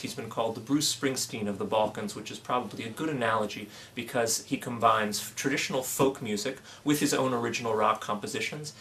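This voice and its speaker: Measured male interviewer, faint background noise. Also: mid-range voice, a bit bright. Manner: measured, polite, reads a prepared introduction. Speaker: interviewer host. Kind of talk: formal introduction and interview questions.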